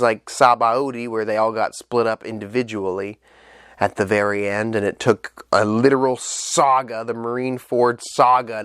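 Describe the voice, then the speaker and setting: Eager and casual, a congested young man talks through his review of an anime alone on camera, dropping fillers and the odd swear word. His voice is fairly low, a bit bright, clear and resonant, captured in a dry, studio-quality recording.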